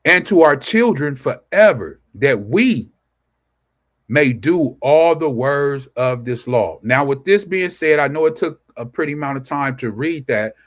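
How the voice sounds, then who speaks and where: His pitch is on the high side, with lively intonation and a slightly slow pace. He's a scripture teacher on an informal livestream, reading scripture aloud to online viewers, preaching casually, and answering his own rhetorical questions.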